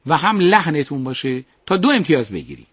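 A man's voice: a little high, very animated, fairly bright tone, slightly rough, no echo, clean studio sound. A man hosting a radio quiz show, playful and teasing with the contestants.

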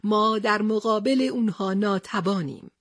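Woman voicing a young male storybook hero, earnest, plaintive, husky tone. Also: mid-range voice, dry recording, clean studio sound, lightly acted.

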